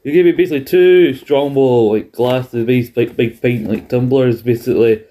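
A man's voice: mid-range voice, steady tone, normal speed, mellow. A man chatting casually, a little hesitant and often repeating his words. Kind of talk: casual chat.

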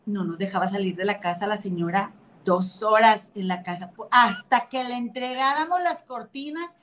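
A woman's voice: medium pitch, normal speed, fairly bright tone, slight background noise. A woman with a Mexican Spanish accent hosting a casual gossip podcast, chatting with her comadre and reading viewer comments aloud. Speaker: podcast host.

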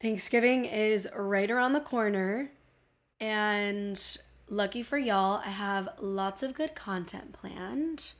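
A woman's voice: mid-range voice, slow pace. A woman with a Miami accent hosting a casual solo podcast, talking in an informal, playful and self-deprecating way. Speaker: podcast host.

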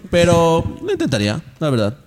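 A man's voice: fairly high pitch, huge pitch swings, fairly quick, a little mellow. A man, a podcast guest telling stories in casual chat and laughing as he acts out the voices of others. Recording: long reverb, faint background noise.

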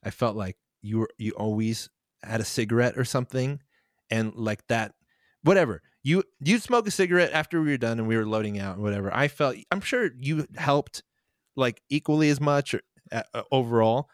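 A man's voice: mid-range voice, brisk, no room sound, clean studio sound. A young man co-hosting a podcast, telling a long story in casual chat, rambling and laughing as he goes. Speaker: podcast co-host, band member.

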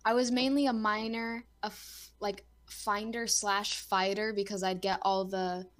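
A woman's voice: mid-range voice, little pitch movement, measured pace. A young woman hosting a casual podcast chat, talking loosely with lots of fillers and restarts. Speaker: podcast host.

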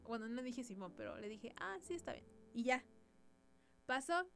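A woman's voice: a little high, sing-song, moderate pace, creaky. A young woman with a Mexican accent, telling an exasperated, slangy story as a podcast host. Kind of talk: casual storytelling monologue.

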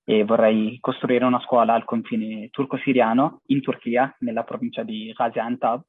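Young man, husky voice, earnest and halting interview account, phone-quality audio, dry. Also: mid-range voice, flat delivery, no room sound. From half Syrian family. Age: young adult. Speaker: interviewee, charity cycling traveller. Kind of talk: reflective personal account in an interview.

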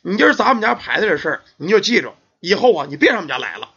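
A man voicing an angry village aunt, scolding and shouting at her niece and the visitors. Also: high voice, very animated, racing, vocal fry, husky, muffled recording, full character voice.

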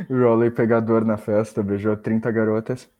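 A man co-hosting a podcast, joking and reacting quickly in casual chat. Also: fairly low pitch, little pitch movement, narrow, tinny audio. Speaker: podcast co-host.

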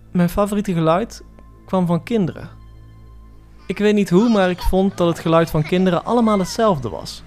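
Man narrating a horror story, slightly high. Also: darkish tone. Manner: measured, dramatic first-person storytelling. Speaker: podcast narrator.

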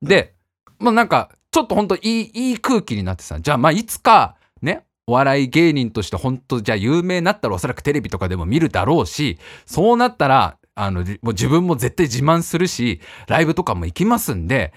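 A man hosting a talk show, telling a story in a casual, animated way and laughing often as he talks. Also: mid-range voice, quick pace, no room sound, clean studio sound. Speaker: radio show host.

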